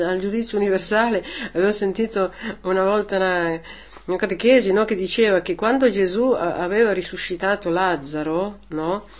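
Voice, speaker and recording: A woman giving informal religious teaching, conversational, with frequent rhetorical "eh?" tags and hesitant restarts. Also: mid-range voice. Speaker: catechist.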